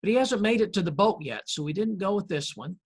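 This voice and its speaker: A man preaching as pastor in a conversational sermon, telling stories with gentle humor and friendly, unhurried pauses. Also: sits high, lively intonation, husky. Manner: folksy storytelling with gentle humor.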